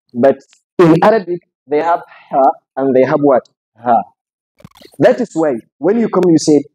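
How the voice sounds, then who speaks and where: A man's voice: a little high, dark tone, breathy edge, no echo, rough recording. A man with a Nigerian Hausa accent teaching tajweed in a mosque, repeating each sound for drill and answering his own questions. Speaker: Quran recitation teacher. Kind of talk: tajweed lecture. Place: mosque hall.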